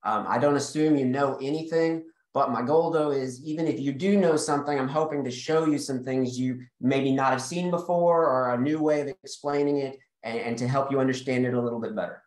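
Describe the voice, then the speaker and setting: A man's voice: mid-range voice, brisk, hardly any pauses, darkish tone, roomy sound, poor audio. A male developer presenting on a video call, eager and explanatory, occasionally correcting himself. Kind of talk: technical webinar presentation.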